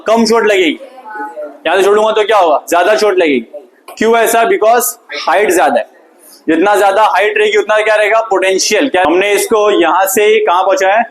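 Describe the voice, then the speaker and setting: A man, teaching a physics lesson through an animated story and repeated questions to the class. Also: sits high, rough recording.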